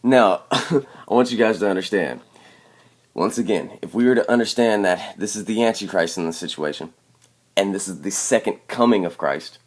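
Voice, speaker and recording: A man with a very low voice talks through his theory over video clips. He drives each point home and keeps tagging on a questioning "okay?" as he goes. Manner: emphatic, repeats "okay?" to press points. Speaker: video commentator. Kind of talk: explanatory commentary over clips.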